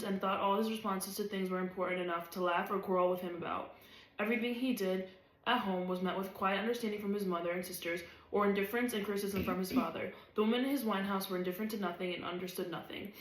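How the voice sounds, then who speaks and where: A woman reading a novel aloud, steady and even. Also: mid-range voice, fast talker. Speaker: reader. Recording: roomy echo.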